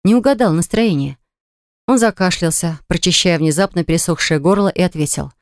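A woman reading a romance audiobook in a measured narrating voice. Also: fairly low pitch, no echo, clean studio sound. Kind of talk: scripted narration.

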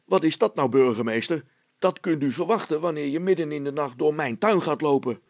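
A man doing an indignant gruff homeowner. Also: on the high side, brisk, darkish tone, no echo, voice pushed up, close to an everyday voice. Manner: indignant, scolding.

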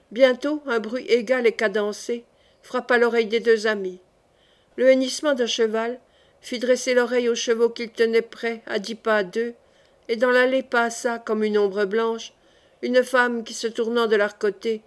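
Female audiobook narrator, measured, slightly high voice.

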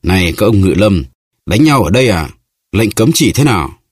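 A man's voice: on the low side, animated, a little fast, a little mellow, breathy edge, no room sound, voice pushed up. A man voicing a haughty male guard captain who barks officious orders in an audiobook. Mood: commanding.

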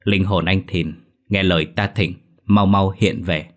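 A man voicing a calm young male exorcist who speaks gently and chants solemnly in a ghost story. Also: low voice, unhurried. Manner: gentle, then solemn incantations.

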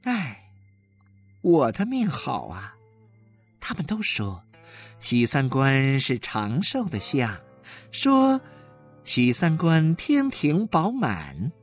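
A woman's voice: a bass voice, wildly swooping pitch, takes it slowly, long pauses, faint music behind, pitched below the performer's own voice, heavily acted. A woman voicing a smug, gloating wife. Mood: boastful. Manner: chatty and gloating, with many sighing "ai" fillers. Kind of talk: dramatic reading.

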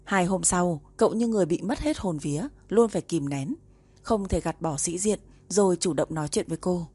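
A woman narrating a romance novel in a calm, even storytelling voice. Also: on the low side, brisk, husky, no echo. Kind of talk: audiobook narration.

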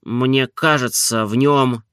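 A shy, lovesick gentleman as a male narrator reads him, slow and soft, pleading with each word. His voice is bright and clear in a dry, close recording. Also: medium pitch, steady tone, no echo. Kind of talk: audiobook character reading.

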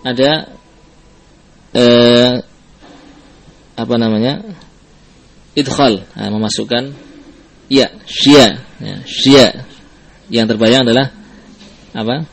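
Male recitation teacher, unhurried and patient, models each letter sound again and again for students to repeat. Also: medium pitch, steady tone, creaky. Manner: mixes in Arabic terms. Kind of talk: tajwid lesson with drills.

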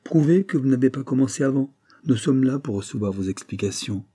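A man's voice: medium pitch, expressive, brisk, dark tone, husky, pitched above the performer's own voice. A man reading a stern, cold magistrate. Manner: severe, cold questioning.

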